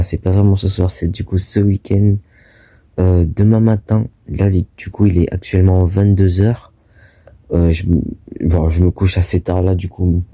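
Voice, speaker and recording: A man's voice: sits low, dark tone, dry recording. A young man chatting casually and slangily to his viewers as a vlogger, recording from bed at night.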